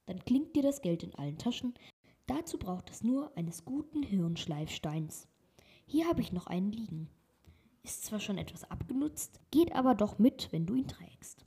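A jolly, carefree knife grinder from a fairy tale, merry and glib, voiced by a woman reading aloud. The tone is husky and mellow. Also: mid-range voice, sing-song, normal speed.

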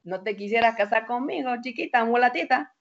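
A woman's voice: a little high, a little fast, lo-fi sound, pitched above the performer's own voice, close to an everyday voice. A woman voicing a seasoned, flirtatious male wolf with a put-on Cuban accent, crooning compliments. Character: smooth-talking male wolf with Cuban lilt.

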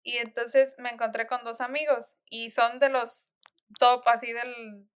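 A woman's voice: a little high, flat delivery, unhurried, clean tone. A young woman telling stories in a casual chat, full of fillers and laughs. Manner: chatty storytelling with frequent laughs and fillers.

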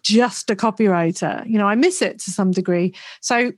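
A woman tells stories in a candid, chatty way as a guest on an interview podcast, often breaking into laughter. Her voice sits at an ordinary middle pitch. The recording is close and dry, with no room sound. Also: normal speed, no room sound. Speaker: podcast guest, business coach. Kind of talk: casual conversational interview.

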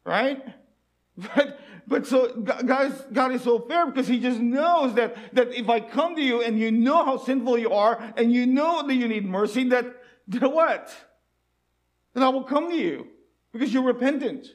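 A man delivers a sermon in a high, light voice. He pleads earnestly with his listeners and keeps asking them rhetorical questions. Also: moderate pace. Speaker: preacher.

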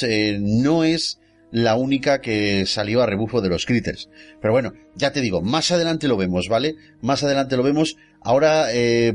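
A man with a Spain accent hosting a casual, confiding film discussion. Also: medium pitch. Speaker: film show host.

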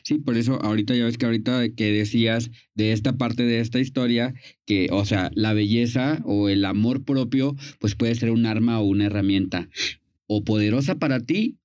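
A man's voice: medium pitch, fairly even intonation, normal speed, darkish tone. A man reflecting casually in conversation, with loose phrasing and fillers. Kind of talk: casual chat.

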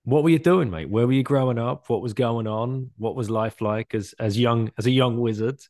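A man's voice: medium pitch, normal speed, darkish tone. A man hosting a podcast, chatty and upbeat, stumbling over restarts as he asks questions. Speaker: podcast host. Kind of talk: casual interview chat.

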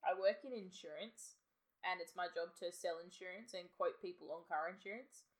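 A woman's voice: fairly low pitch, brisk. A woman, co-hosting a podcast in bubbly, jokey chat and swearing freely. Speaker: podcast co-host. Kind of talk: casual chat.

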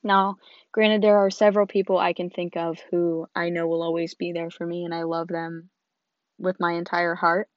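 A young woman with a hoarse, worn-out voice hosts her own show, talking earnestly and a little rambling straight to her listeners. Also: on the low side, level tone, normal speed, dry recording. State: hoarse, lost voice. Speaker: host. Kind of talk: casual talk to camera. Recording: dull lo-fi, dry.

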